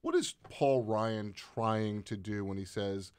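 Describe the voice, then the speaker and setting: A man's voice: on the low side, slow pace, darkish tone, clear, resonant tone, dry recording, studio quality. A man hosting a political talk show, asking long conversational questions full of fillers. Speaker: podcast host.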